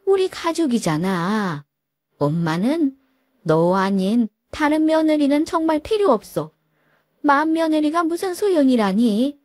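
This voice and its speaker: A woman's voice: sits high, sing-song, measured pace, darkish tone, no echo, clean studio sound, voice pushed up. A woman voicing a scheming older mother-in-law who wails and pleads melodramatically in a storybook tale. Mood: wailing pleading. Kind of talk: storybook role-play.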